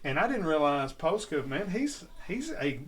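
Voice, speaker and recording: A man's voice: fairly high pitch, very animated, normal speed, a crowd in the background. A man co-hosting a casual sports chat, plain-spoken and rambling. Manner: folksy, rambling, plain-spoken with Southern phrasing. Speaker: podcast co-host.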